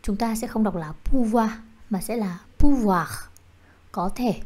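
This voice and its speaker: A woman teaching French vocabulary. She says each word slowly and one at a time, then gives the translation. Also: medium pitch, mellow, husky. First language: Vietnamese. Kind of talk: slow vocabulary drill.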